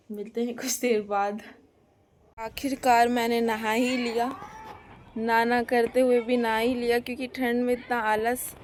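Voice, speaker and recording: A young woman talks through her day for a casual vlog, chatty and relaxed, speaking straight to her viewers. Her voice sits a little high but stays quite level. The phone recording carries a faint hiss. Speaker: vlogger. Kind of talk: casual daily-life vlog.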